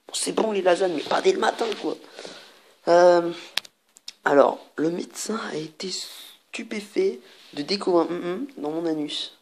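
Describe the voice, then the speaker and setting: Speaking unhurriedly in a lowish, darkish voice, a gamer and video host reads out cards from an online party card game, laughing a lot and cracking crude jokes. The let's play audio carries a little hiss or hum.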